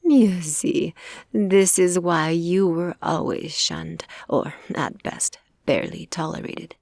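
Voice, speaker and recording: A woman voicing a sly, cruel old witch in an audiobook who speaks in a measured, mocking tone. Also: fairly low pitch, vocal fry, darkish tone, no echo, clean studio sound, full character voice.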